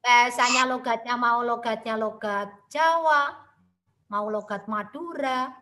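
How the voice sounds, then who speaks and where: Over a video call, a primary school teacher from Central Java, Indonesia, explains an online lesson to young children in a Javanese accent. Her voice is a little high, bright, and pushed, and she speaks slowly and patiently, addressing the kids with tag questions.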